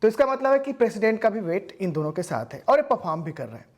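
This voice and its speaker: A man hosting a casual interview, asking steady questions and often giving short affirmations. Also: high-pitched, quick pace. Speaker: interview host.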